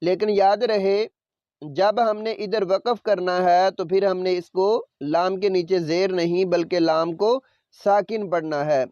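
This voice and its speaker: A man with a high voice gives a recitation lesson, sounding out each letter and syllable and repeating it. The recording is dry and close, with a dull, lo-fi tone. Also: steady tone, a little mellow, dry recording. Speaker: Quran reading teacher.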